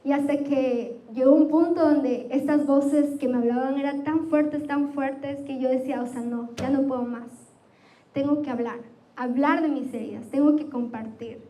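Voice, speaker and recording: Una mujer joven que predica un sermón con tono sincero y se dirige a menudo a los oyentes preguntando "¿sí?". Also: female voice, high voice, fairly even intonation, normal speed, dark tone, poor audio. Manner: earnest, addresses listeners directly with frequent "¿sí?". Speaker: preacher. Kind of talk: sermon to a youth church.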